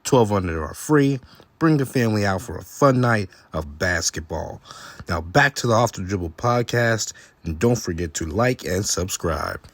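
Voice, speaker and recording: A man's voice: lowish voice, animated, moderate pace. A man reading a scripted promotional announcement in an announcer style. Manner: announcer delivery.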